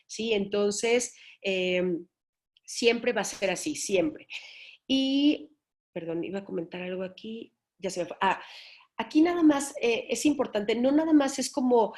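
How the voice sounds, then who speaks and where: A woman's voice: medium pitch, a little mellow. Explanatory woman lecturing parents. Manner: explanatory, checks in with "¿sí?". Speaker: speech therapist giving a talk to parents. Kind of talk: informal lecture.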